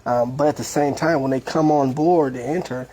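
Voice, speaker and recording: A man's voice: mid-range voice, fairly even intonation, normal speed, warm tone, low-quality recording. A man hosting a community podcast, interviewing his guest in a laid-back way with frequent affirming remarks. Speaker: host. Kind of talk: casual interview.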